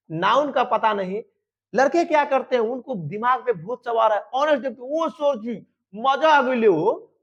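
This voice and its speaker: Guy teaching grammar online, high voice, teasing, keeps asking questions, dull lo-fi sound. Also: a bit bright. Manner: colloquial and teasing. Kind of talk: online exam-prep lecture.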